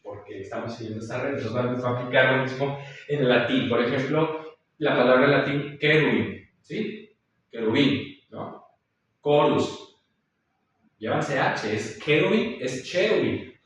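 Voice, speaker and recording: A man's voice: medium pitch, a little hiss or hum. A man teaching a course on Latin pronunciation, explaining patiently, repeating sounds and checking in with his listeners. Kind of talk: recorded course lecture. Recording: echoey room, voice far from the mic.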